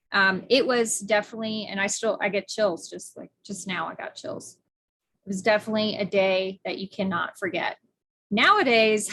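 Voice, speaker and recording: A woman's voice: mid-range voice, a bit bright. A middle-aged American woman hosting a podcast interview, speaking earnestly with frequent fillers and restarts. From United States. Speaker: podcast host. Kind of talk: casual interview.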